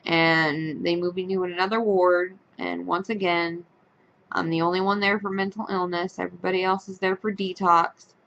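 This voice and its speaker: A woman's voice: lowish voice, level tone, moderate pace, creaky, a bit bright, dull audio, a little hiss or hum. A young adult woman telling a story in a casual vlog, blunt and profane with a sarcastic edge. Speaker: vlogger.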